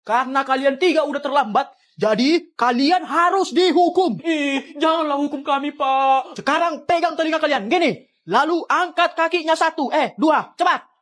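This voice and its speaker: A woman acting out comedy skits, switching between character voices and shouting in mock anger. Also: high voice, moderate pace. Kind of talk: comedy skits playing many roles.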